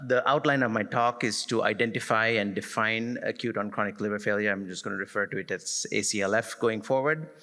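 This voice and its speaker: A man with a lowish, bright, forceful voice gives a medical lecture to a conference audience. He speaks in a measured, explanatory way with frequent "uh" fillers. The hall adds a long reverb to his voice. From Sri Lanka.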